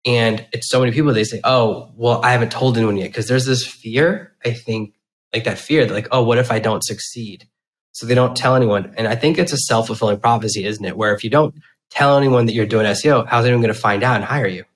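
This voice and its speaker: A man's voice: mid-range voice, fairly quick. A man hosting a podcast interview in a conversational, chatty way, telling anecdotes and quoting little asides. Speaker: podcast host.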